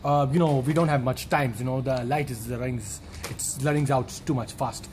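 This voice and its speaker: A man, playing a flustered, pretentious dance choreographer in halting, repetitive broken English. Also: medium pitch, fairly even intonation, a little mellow. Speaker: comedian playing a song choreographer. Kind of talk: comedy sketch monologue. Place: outdoor walled yard. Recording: noisy outdoor camera audio.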